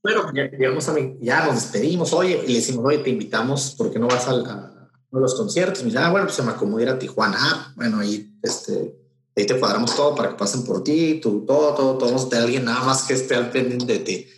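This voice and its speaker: A Mexican event promoter tells stories in a casual interview, speaking quickly in a mid-range voice. He rambles, with many fillers and restarts, and the room gives off a noticeable echo.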